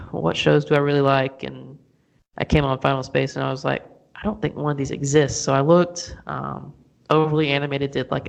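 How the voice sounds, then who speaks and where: Very gravelly, casual man. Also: medium pitch, fairly bright tone. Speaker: podcast host being interviewed. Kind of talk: casual interview chat.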